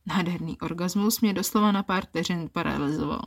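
A woman's voice: on the low side, gravelly. Woman narrating an intimate story. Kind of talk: first-person erotic story narration.

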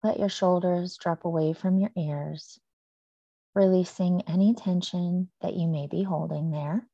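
A woman guides a breathing meditation in a slow, soothing manner with long pauses. Her voice sits low and mellow. The recording is dry and slightly dull. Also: fairly even intonation, vocal fry, no echo.

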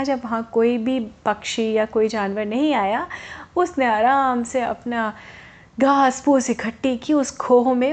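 A woman telling a story to children in a chatty way, stopping to explain words to them. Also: fairly high pitch.

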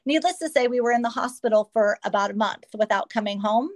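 A woman's voice: a little high, fast. A middle-aged woman sharing a personal faith testimony in an interview, telling her story with emotion and acting out quotes. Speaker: guest.

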